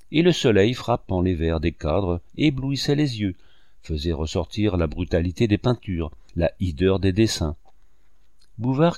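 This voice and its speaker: A man narrating a classic novel in a measured, inflected reading voice. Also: fairly low pitch, no echo, clean studio sound. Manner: measured, with lively rising and falling inflection. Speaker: audiobook narrator.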